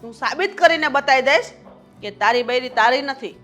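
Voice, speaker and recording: A woman plays a proud, bossy mother-in-law. Her voice is high and bright, and she lectures with indignant authority. Faint music sits under the dialogue. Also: normal speed. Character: domineering proud mother-in-law, strict and scolding. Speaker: actor in a short film. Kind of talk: family drama acting.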